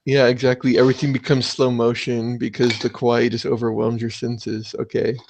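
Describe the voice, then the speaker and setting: Young guy hosting a podcast, hyped and sweary, talks fast when he gets going. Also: medium pitch, a little hiss or hum. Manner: excitable, swears a lot, animated. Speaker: podcast host. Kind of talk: casual podcast chat.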